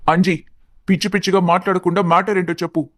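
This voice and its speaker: A woman voicing an irritated, scolding family man in an animated story, speaking impatiently. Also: on the low side, fast talker, no room sound, clean studio sound, voice pushed down. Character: irritated stern family man, father and brother.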